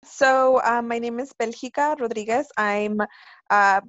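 A woman's voice: a little high, a little slow, fairly bright tone, dry recording, faint music behind. A woman in her twenties from California, answering interview questions about her work as an actress in a chatty, earnest way. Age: 20s. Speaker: guest actress. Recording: dull, dry lo-fi sound.

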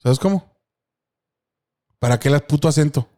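A man's voice: fairly high pitch, moderate pace, mellow. A man with a Mexican Spanish accent, co-hosting a casual chat podcast, swearing freely, laughing often and acting out film lines. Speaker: podcast co-host.

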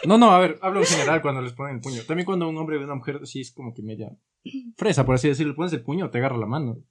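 Fast-talking young Ecuadorian man. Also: on the high side. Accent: Ecuadorian Spanish. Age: young adult. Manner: fast, excitable, swearing. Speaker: podcast co-host. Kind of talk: casual chat, storytelling.

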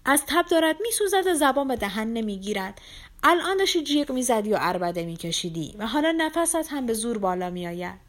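A woman voicing an agitated older woman who scolds and fusses loudly, in an audiobook reading. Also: lowish voice, animated, hardly any pauses. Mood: alarmed scolding. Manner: loud scolding, exclaiming. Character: agitated older woman, stern and fussing mother.

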